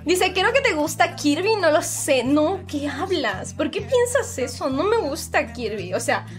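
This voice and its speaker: Young woman, very high pitch, casual live-stream chat, reads comments aloud, faint background music. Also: big pitch swings, unhurried. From Peru. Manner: chatty, reads chat aloud, laughs often.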